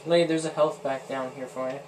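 A man's voice: mid-range voice, fairly even intonation, brisk. A young man in casual, sweary gaming banter, complaining in exasperation from a couch indoors. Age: teens or young adult. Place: small room indoors on a couch. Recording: noisy, distant room recording.

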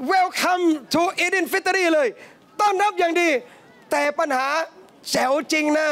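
High-voiced man preaching a lively sermon. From southern Thailand. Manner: animated storytelling, addresses listeners as brothers and sisters. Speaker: Islamic preacher. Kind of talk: lively sermon to a live audience. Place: cafe hall, live talk.

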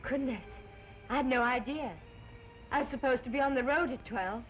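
An actress playing a gentle, earnest young woman in wartime, speaking softly and earnestly in early talkie film sound. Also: high-pitched, normal speed. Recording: dull 1930 film soundtrack, faint music.

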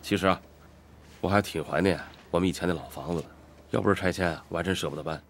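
A man's voice: deep voice, quick pace. An actor playing an easygoing young husband chatting with his wife and mother.

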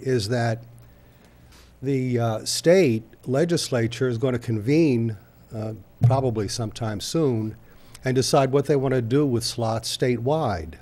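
An older man speaks at a council chamber podium microphone in a dark, mellow voice. He talks conversationally, stopping often on filler sounds as he works through his points. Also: medium pitch. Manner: halting, many filler pauses, conversational. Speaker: public commenter at city council. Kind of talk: public comment speech.

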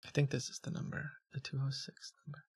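Deep pitch-shifted voice changer, gravelly, offhand casual aside, thinking aloud. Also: completely flat delivery, fast talker, no room sound, clean studio sound. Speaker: scam-baiting streamer.

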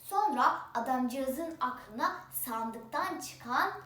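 A female storyteller tells a folk tale with a rhyming opening, performing it expressively and theatrically while stretching and repeating words. Her high-pitched voice is lively, slow, pushed and bright. She is away from the microphone, so the recording sounds distant with a roomy echo.

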